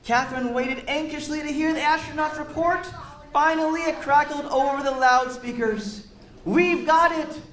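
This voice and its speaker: At a normal pace, a male reader with an extremely high, fairly bright voice shares a picture book with a group of children. He encourages them and adds asides to explain words and ask questions, and the recording carries the echo of a roomy indoor space.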